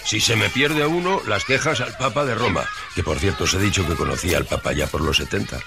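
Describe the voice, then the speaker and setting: An actor playing a put-upon, joking older grandfather from a comedy film, with a gravelly voice and an accent from Spain. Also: lowish voice, brisk, lightly acted. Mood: exasperated, grumbling.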